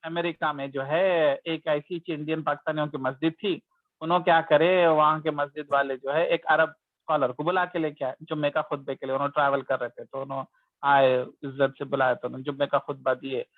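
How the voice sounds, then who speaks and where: A man with a fairly high voice teaches religion as casual conversation. He tells the story as he goes and now and then acts out the complaints of the people in it. The sound is dry and tinny, like a phone call. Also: fairly even intonation, a little fast, no echo. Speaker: Islamic teacher.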